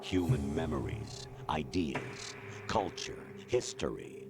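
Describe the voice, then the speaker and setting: An actor playing a cold, condescending, non-human intelligence in a video game, lecturing in a measured, authoritative manner. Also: male voice, extremely low pitch, animated, over music, exaggerated voice. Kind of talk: dramatic video game voice acting.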